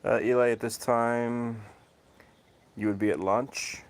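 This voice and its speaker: A man hosting a casual livestream with his cats, chatting easily and reading out viewers' comments in a self-described monotone voice. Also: medium pitch, takes it slowly, clean tone. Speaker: livestream host. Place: home, cats outdoors.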